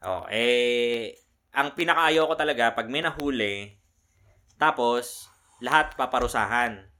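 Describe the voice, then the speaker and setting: A man's voice: mid-range voice, a little slow, bright, forceful tone. A young man co-hosting a casual drinking-session podcast, telling rambling stories full of restarts and fillers. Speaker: podcast co-host.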